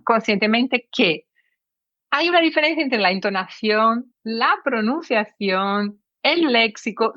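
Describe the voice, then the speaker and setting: Woman, higher voice, dry, muffled sound. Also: no echo. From Brazil. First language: Portuguese. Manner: lively, explains with examples. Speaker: guest, Spanish teacher. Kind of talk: explanatory interview talk.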